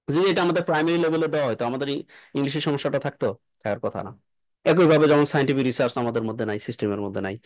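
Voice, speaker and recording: A man teaching pronunciation to a class, repeating words slowly and quizzing his students. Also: on the high side, no room sound. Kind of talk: classroom lesson in a room.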